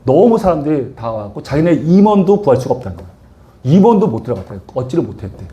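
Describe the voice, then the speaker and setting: A man's voice: fairly high pitch, sing-song, fast talker, warm tone, muffled recording. A middle-aged male pastor preaching a sermon, telling a personal story and asking the audience questions.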